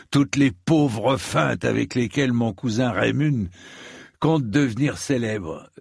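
A man's voice: medium pitch, vocal fry, breathy edge, no echo, studio quality, pitched above the performer's own voice, exaggerated voice. A man voicing a haughty, mocking adult knight in an audiobook, raised well above his own voice and full of scorn. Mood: disdainful. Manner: sneering, theatrical.

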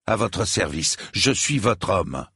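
A man's voice: low voice, big pitch swings, slow pace, creaky, fairly bright tone, husky, no echo, studio quality, full character voice. A man voicing an exhausted wounded young knight who stammers in pain. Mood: pained, faltering. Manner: stammering, faltering.

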